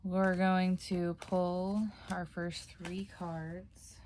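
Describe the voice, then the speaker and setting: A woman's voice: fairly low pitch, little pitch movement, drawn-out words, darkish tone, slight background noise. A woman giving a casual tarot reading, chatty, with frequent fillers and self-corrections. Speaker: tarot reader.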